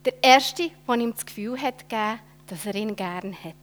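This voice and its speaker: A woman telling a children's Bible story in an expressive way, with dramatic swells and soft whispered asides. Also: medium pitch, brisk.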